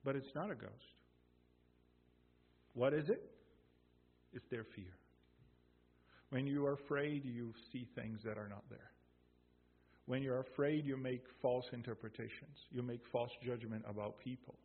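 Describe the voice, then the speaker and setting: Guy preaching a sermon, slow and emphatic, husky, sounds like a phone line. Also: medium pitch. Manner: emphatic, swelling loud on key phrases, quotes scripture slowly.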